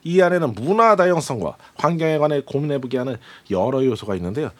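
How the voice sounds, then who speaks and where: A man presenting and explaining a film in a measured, polite, scripted way to a host. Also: mid-range voice, animated.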